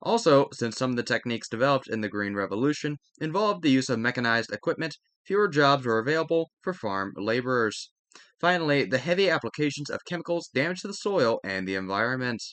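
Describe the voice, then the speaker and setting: Narrating a history textbook as an educational read-aloud with brief asides, this man now and then stumbles and repeats a phrase to correct himself. His voice is medium in pitch, sing-song and fairly bright, moving fairly quickly. There's no echo.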